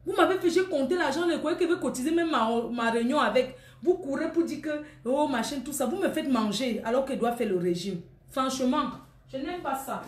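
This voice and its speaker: Brief: woman, high pitch, teasing and scolding live-stream seller, echoey room. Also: lively intonation, brisk. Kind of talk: casual live-stream chat with viewers.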